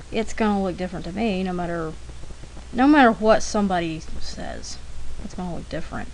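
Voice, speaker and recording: A woman with a mid-range voice narrates her own drawing demo, rambling casually, chatting and putting herself down as she thinks aloud. The audio is poor, with steady background noise.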